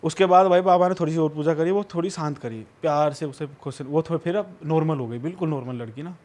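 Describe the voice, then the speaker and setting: Rambling storyteller man, slightly high voice. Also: fast talker, darkish tone. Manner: rambling, conversational, often says "bhai" and "na". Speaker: guest storyteller. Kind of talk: casual storytelling.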